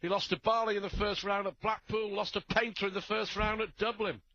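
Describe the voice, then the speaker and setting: High, bright-voiced male darts commentator. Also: steady tone, fairly quick, muffled recording. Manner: opinionated, reflective analysis between throws. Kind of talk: live sports commentary.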